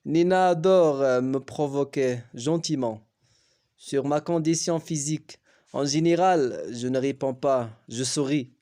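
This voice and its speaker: Slow-reading man narrating a novel. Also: mid-range voice, dark tone. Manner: slow, careful storybook reading. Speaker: French teacher.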